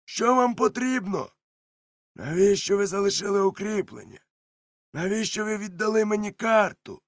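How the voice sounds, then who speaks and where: Man putting on a high, strained pirate cook, cunning and wheedling, storybook reading, dry sound. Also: lively intonation, normal speed, no echo. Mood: agitated.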